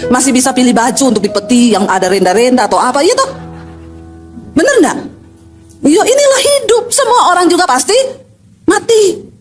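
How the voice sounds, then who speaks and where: A middle-aged woman pastor, preaching a lively sermon with sudden swings between low earnest tones and high emphatic ones and chatty colloquial asides. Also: normal speed, long pauses, faint music behind.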